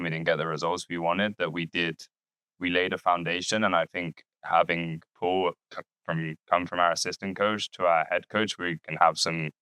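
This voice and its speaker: A young man answers questions directly and without fuss. His voice sits very low and sounds smooth and resonant. The delivery stays flat, and the recording is dry. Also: no room sound. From England. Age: young adult. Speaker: college soccer player. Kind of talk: casual interview answers.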